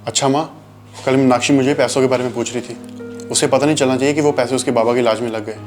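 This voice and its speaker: Man playing young husband, patient, soothing, fast talker. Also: medium pitch, music in the background, lightly acted. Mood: calm, patient. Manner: calm, reasoning, soothing. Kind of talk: short film acting.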